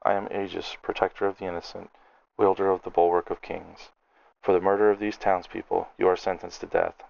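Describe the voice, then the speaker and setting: A man voicing a calm, stern male paladin with a dry wit, speaking in a measured way. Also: deep voice, gravelly, muffled recording.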